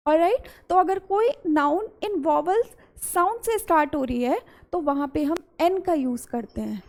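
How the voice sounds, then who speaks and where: A woman's voice: high voice, animated, normal speed. A woman with an Indian English accent teaching an English grammar lesson, mixing Hindi and English. She explains step by step and repeats key words. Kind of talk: classroom-style grammar lesson.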